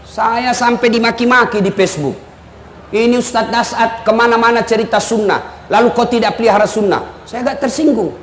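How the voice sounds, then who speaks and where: A male preacher giving a joking live sermon, shouting to stress his points. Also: very high-pitched, fairly quick, a little hiss or hum. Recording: echoey hall with faint audience ambience.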